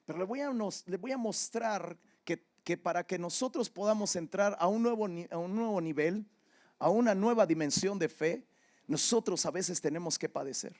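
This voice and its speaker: A man's voice: sits high, moderate pace, a little mellow. An older man with a Mexican Spanish accent, preaching a sermon and telling a personal story in a conversational way. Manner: conversational storytelling, often asks "¿verdad?". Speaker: pastor.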